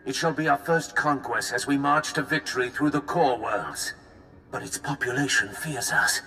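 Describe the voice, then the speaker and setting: An actor playing a pompous, bloodthirsty dark lord in a video game, grandly commanding his troops with a gravelly, forceful delivery. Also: mid-range voice, a little hiss or hum.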